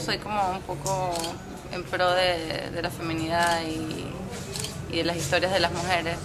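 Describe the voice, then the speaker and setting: Young Venezuelan woman over loud street noise. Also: lowish voice. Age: young adult. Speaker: filmmaker guest. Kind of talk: festival interview. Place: outdoors by a building entrance.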